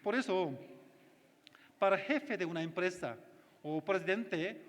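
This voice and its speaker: Slow-speaking high-voiced pastor in a reverberant hall. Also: male voice, expressive. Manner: simple non-native phrasing, frequent check-in questions. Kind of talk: sermon. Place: church retreat hall.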